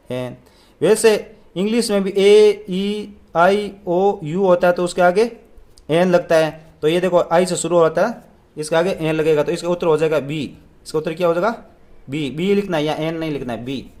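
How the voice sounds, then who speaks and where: Young man, high voice, teacher, exam paper walkthrough, asks and answers himself, close mic. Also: a little mellow. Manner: asks and answers own questions; reads English questions slowly.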